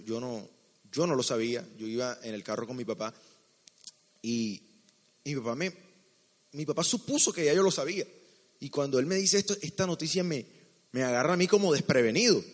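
A young man preaching a sermon in an earnest, personal way, often restarting his sentences and dropping to a hushed voice when he tells a story. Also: mid-range voice, husky. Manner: earnest, with frequent restarts and sudden drops to a hushed voice. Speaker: pastor. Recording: long hall reverb with faint music. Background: faint music.

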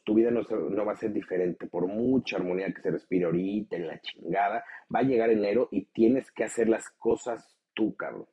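A man with a Mexican accent hosts a motivational podcast in a blunt, profane, goading way. His voice sits a bit low and husky. The recording sounds dull and lo-fi. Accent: Mexican Spanish. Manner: blunt, profane, swings into high mocking voices. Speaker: podcast host.

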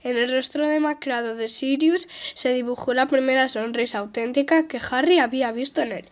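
A woman reading a novel aloud in a steady, careful way, taking turns with a partner. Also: high-pitched, a little fast. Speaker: reader.

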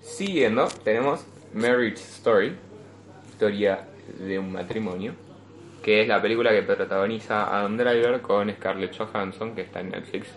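A young man with a Rioplatense Spanish accent hosts a casual film podcast, chatting with friends in a fairly low voice at normal speed. He's blunt, swears freely and gets lively when excited, recorded in an echoey room with faint noise.

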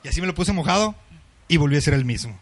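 A man's voice: on the high side, expressive. A young man with a Mexican accent telling a funny story in casual podcast chat, full of slang and laughing as he talks. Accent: Mexican Spanish. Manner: rapid slangy storytelling, constant "güey", laughs while talking.

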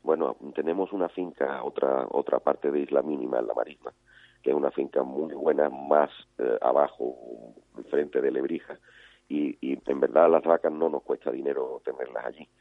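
Super deep raspy guy, cattle breeder, tinny phone line, stumbles and repeats himself. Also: normal speed, no echo. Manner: hesitant, repeats words. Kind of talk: interview answers.

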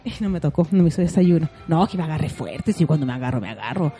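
A woman with a Chilean accent co-hosting a radio show in casual, slangy chat, telling animated stories and acting out what people said. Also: low voice, fast talker, soft background music. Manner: animated storyteller, slangy, acts out quoted voices.

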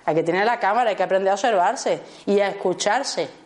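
A woman with a Spanish accent, teaching a small group in a lively way, acting out short exchanges and often checking in with her listeners. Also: medium pitch, fairly quick. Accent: Spanish from Spain. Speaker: workshop teacher.

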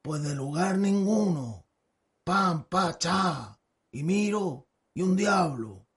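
A slow, rustic old village elder in an audio drama. He drags out his words in a homely country dialect. His voice sits high for a man. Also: lively intonation, exaggerated voice. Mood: folksy. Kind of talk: audiobook radio drama acting.

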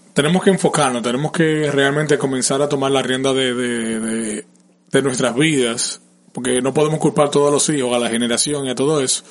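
A man, a parent, talking in a casual conversation and earnestly giving advice straight to listeners about feelings and family. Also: medium pitch. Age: adult parent. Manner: emotional and open about feelings.

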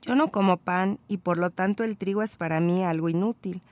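A woman voicing a wistful, patient male fox, explaining calmly while reading a story aloud. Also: fairly low pitch, a little fast, no echo, close to an everyday voice.

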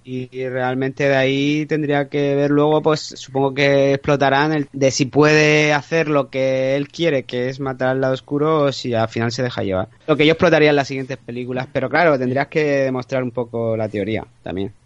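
A man's voice: mid-range voice, fairly even intonation, brisk, hardly any pauses, no echo, dull audio. A man co-hosting a podcast in casual chat, spinning theories with many hesitant fillers. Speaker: podcast co-host.

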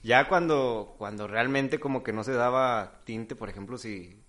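A man chatting casually with friends in a relaxed, somewhat hesitant and slangy way. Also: mid-range voice, unhurried. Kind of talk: casual chat.

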